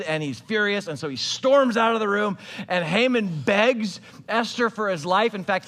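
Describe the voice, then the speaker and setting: A pastor giving a sermon, retelling a scripture story in a casual, conversational way with modern slang. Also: male voice, high voice, a bit bright, long reverb tail.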